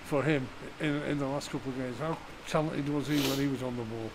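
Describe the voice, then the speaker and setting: A man interviewing a football manager after a match, asking his questions in a brisk, chatty way. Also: medium pitch, fairly even intonation, noisy background.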